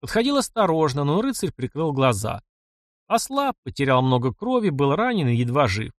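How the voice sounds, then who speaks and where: A man reading a dark fantasy audiobook with expressive narration. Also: a little high, moderate pace, no room sound, studio quality.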